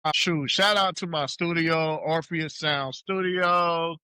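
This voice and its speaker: A man in his thirties with a Southern US accent talks as a guest on an interview show. He is laid-back, repeats himself as he gathers his thoughts, and his voice is bright. The sound is dry and close. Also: fairly high pitch, steady tone, slow pace, clear, resonant tone, dry recording. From South Carolina. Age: 30s. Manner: laid-back, repeats words, lots of shout-outs. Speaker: guest rapper. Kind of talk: casual interview chat.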